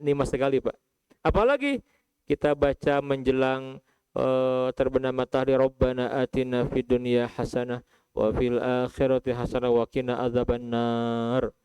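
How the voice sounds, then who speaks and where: A man with a Sundanese accent preaching to pilgrims, asking his listeners questions and swinging from calm recitation to high animated outbursts. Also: normal speed, smooth, no echo. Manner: addresses listeners as Pak and Bu, asks rhetorical questions. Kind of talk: sermon to pilgrims.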